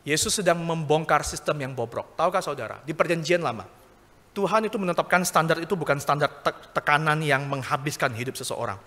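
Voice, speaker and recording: Bright-voiced preacher in an echoey hall. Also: male voice, a little high, animated, a little fast. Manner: conversational preaching, rising to emphatic peaks. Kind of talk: sermon. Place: church hall.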